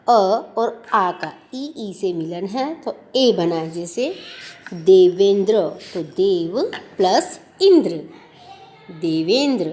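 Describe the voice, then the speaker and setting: A woman teaching a grammar lesson, sounding out example words slowly and asking questions she then answers herself. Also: mid-range voice, darkish tone, slight background noise. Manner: slow, drawn-out pronunciation of example words; asks the listener questions and answers them.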